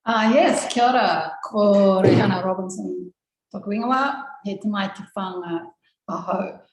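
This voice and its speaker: A woman poet introducing herself on a panel, warm and reflective. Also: mid-range voice, measured pace, a little hiss or hum. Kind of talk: panel introduction and poetry recital. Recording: roomy echo.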